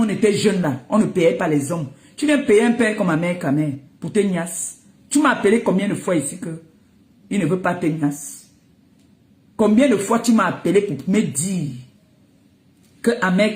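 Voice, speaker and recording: A woman's voice: on the low side, animated, moderate pace, a little mellow, reverberant. A woman, ranting and scolding someone on social media, mocking and breaking into laughter. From Cameroon. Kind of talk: heated live rant.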